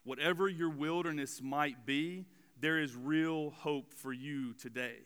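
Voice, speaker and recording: A student pastor in his forties preaches in a church sanctuary with a bright, ringing, smooth and clear voice of fairly high pitch. He speaks at a measured pace in a relaxed, chatty manner with plenty of fillers, and the hall adds a long reverb.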